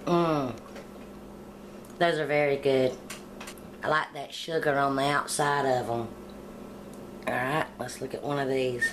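A middle-aged woman voices over a casual cooking demo for her home cooking channel, talking through a recipe in her kitchen one step at a time in a homey, plain-spoken manner. Her voice is very deep and steady, a little slow, with long pauses. Background noise can be heard.

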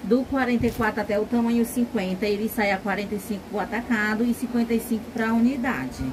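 A woman seller from Ceará with a Ceará accent, briskly explaining sizes, fabrics and wholesale prices to a visitor. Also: fairly high pitch. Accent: Brazilian Portuguese, Ceará. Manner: brisk, matter-of-fact sales talk. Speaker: stall seller. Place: indoor clothing stall. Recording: noisy market floor.

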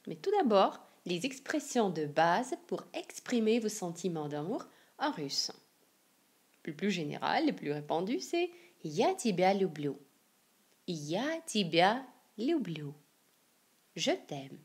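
Russian-accented woman teacher, low-ish breathy voice, very slow and lively in pitch, repeats each phrase. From Siberia, Russia. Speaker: language teacher. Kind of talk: slow, careful language lesson with repeated example phrases.

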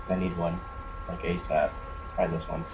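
A man's voice: low-pitched, little pitch movement, moderate pace. A man doing casual let's play commentary on a headset, with a nasal voice from allergies, reacting and swearing at the game as he plays. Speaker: gameplay commentator. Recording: bad headset mic with clear noise.

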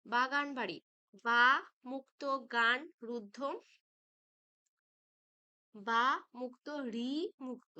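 Bright-voiced woman teaching a grammar class. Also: a little high, fairly even intonation, clean tone. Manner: slow, patient, drawn-out syllables when spelling out words. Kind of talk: grammar lesson for school pupils.

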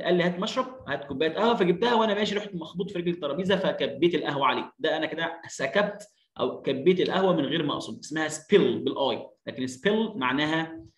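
An Egyptian man teaches an English lesson, his voice sitting a touch high. He drills each word over and over, and the room gives his voice a noticeable echo. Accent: Egyptian Arabic. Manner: repeats words slowly, drills pronunciation. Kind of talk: lesson explanation.

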